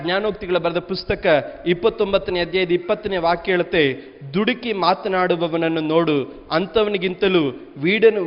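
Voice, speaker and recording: A man delivers a sermon in a high-pitched voice, stressing repeated refrains and urging his listeners to respond. He is heard in a large church hall with a long, lingering reverb. The recording is muffled and lo-fi. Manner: emphatic preaching, repeating refrains, calling on the congregation. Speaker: pastor. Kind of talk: Kannada sermon.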